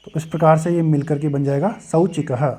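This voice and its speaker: A male teacher going through a textbook exercise in a slow recorded lesson, patiently saying each word and spelling it out letter by letter. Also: fairly high pitch, fairly even intonation, dark tone.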